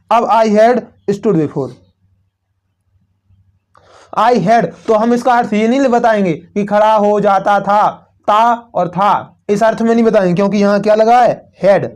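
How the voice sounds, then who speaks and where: A man teaching a poem line by line, who keeps asking a question and answering it himself and repeats each point. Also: high-pitched. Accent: North Indian Hindi. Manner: repetitive, asks and answers own questions.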